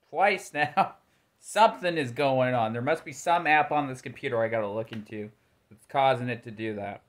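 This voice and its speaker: A man hosting a casual livestream, his voice pitched up by software into a chipmunk-like sound, talking in a chatty, self-deprecating way. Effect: pitched-up chipmunk-like sound from streaming software. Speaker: livestream host.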